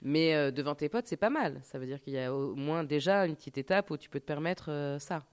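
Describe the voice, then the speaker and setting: A woman's voice: sits low, a little fast, a little mellow, clear, resonant tone. A woman hosting a casual radio chat, asking her guests many encouraging questions. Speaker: radio host.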